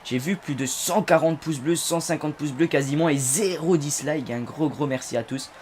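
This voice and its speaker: A man hosting a casual let's-play video, chatty and excitable, with sudden loud outbursts between low asides. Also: normal speed, a little hiss or hum. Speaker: gaming video host.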